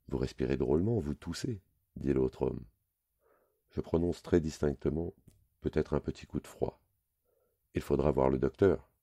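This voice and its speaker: A man reading a literary story aloud in a measured, low, intimate way. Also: creaky, dark tone, slightly rough. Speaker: reader.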